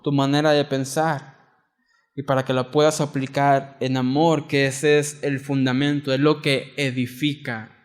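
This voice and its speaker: A young adult man with a Mexican accent preaching a sermon in a church, earnest, moving from loud emphatic reading to soft quiet asides. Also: fairly high pitch. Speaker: pastor.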